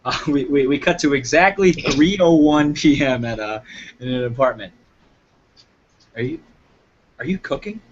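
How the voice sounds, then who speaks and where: A man's voice: mid-range voice, moderate pace, long pauses, dull audio, lightly acted. A man playing an uptight, rule-obsessed roommate in an improv comedy scene, fussy and indignant. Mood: incredulous.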